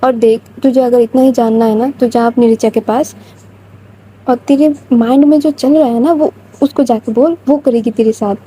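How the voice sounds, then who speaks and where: A woman doing a shy young woman in a told story, flustered and defensive as she waves off questions. The voice is breathy, warm and a little high. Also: steady tone, normal speed, low-quality recording.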